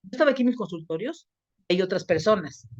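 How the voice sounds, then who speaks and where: A woman's voice: mid-range voice, fast. Woman telling stories, lo-fi sound. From Mexico. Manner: lively storytelling, acts out quoted voices. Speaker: psychologist and sexologist. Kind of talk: professional conversation, anecdotal. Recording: dull lo-fi audio.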